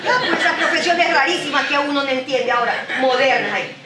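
A woman's voice: high voice, expressive, fairly quick, a loud crowd, heavy background noise. An actress on stage playing a blunt, mocking working-class mother of the bride in a live comedy sketch. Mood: scornful. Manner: mocking, teasing, earthy. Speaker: stage actor. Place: theatre stage. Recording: echoey stage, picked up from far off.

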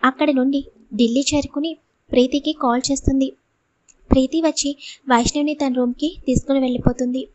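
A woman's voice: sits high, steady tone, brisk. A woman narrating a serialized audiobook drama with emotional storytelling.

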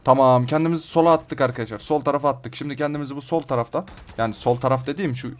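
A man hosting a gaming channel, giving excited live commentary on his own play with rough banter aimed at his viewers. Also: mid-range voice, racing.

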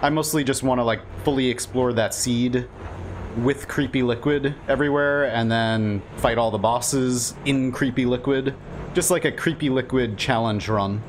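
A man's voice: mid-range voice, moderate pace, slight background noise. A man doing casual live gameplay commentary, rambling informally and reacting aloud as he streams. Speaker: game streamer. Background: game ambience.

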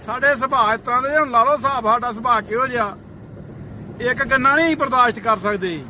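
High-voiced man shouting outdoors. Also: fast. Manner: loud, scolding and threatening, with repeated shouted commands. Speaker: farmer guarding his sugarcane field. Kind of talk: comic outdoor rant to camera. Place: outdoors by a road near fields. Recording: noisy outdoor roadside recording.

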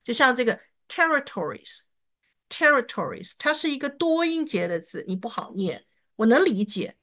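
A woman's voice: on the high side, big pitch swings, fairly bright tone. Encouraging woman teaching English pronunciation. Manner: encouraging, sounds out English words slowly. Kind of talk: online lesson.

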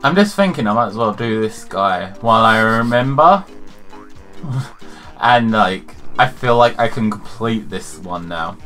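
A man's voice: lowish voice, lively intonation, unhurried, bright, forceful tone, soft background music. A man playing through a game in casual chat, hesitant and muttering, with blunt swearing. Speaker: player on a co-op playthrough.

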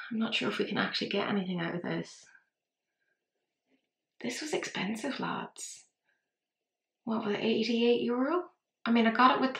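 A woman's voice: medium pitch, creaky, a bit bright, reverberant, rough recording. A woman with an Irish accent doing a casual makeup review, chatty and filler-heavy, who talks herself through setbacks. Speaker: beauty vlogger.

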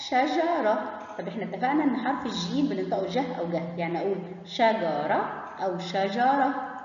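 A woman with an Egyptian Arabic accent teaching kindergarteners, drawing out each letter sound slowly and clearly. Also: a little high, a little mellow. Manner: slow, drawn-out sounding of letters and syllables. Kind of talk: children's phonics lesson. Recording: echoey, muffled room from a distance.

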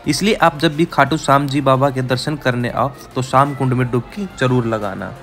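A man's voice: medium pitch, normal speed, a bit bright. A man narrating a travel vlog voice-over, giving practical tips to viewers he calls friends. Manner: informative, addresses viewers as friends. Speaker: travel vlogger. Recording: heavy music and crowd noise under the voice.

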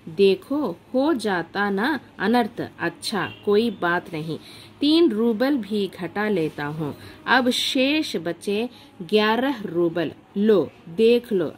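A stern male employer who scolds and lectures his governess in a sharp, measured voice, as a woman teacher reads his lines. The pace is very slow and deliberate. The pitch sits at a middling level. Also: slight background noise. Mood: scolding.

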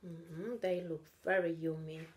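A woman teacher reading a picture book aloud to young children in a gentle, expressive way. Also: on the low side, measured pace. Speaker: nursery teacher.

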